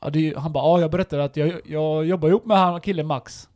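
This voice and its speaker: A young man chats as podcast co-host, his voice sitting a little high. He tells stories with energy, acts out what others said and breaks into laughter. The sound is close and dry, with no room around it. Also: no room sound. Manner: animated storytelling, acts out quotes, laughs often. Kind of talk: casual chat.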